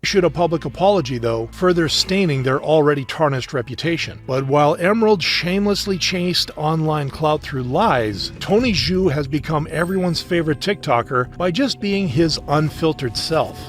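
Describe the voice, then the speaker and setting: A man's voice: fairly high pitch, lively intonation, normal speed, hardly any pauses. A man narrating a scripted commentary video in a wry, punchy storytelling manner.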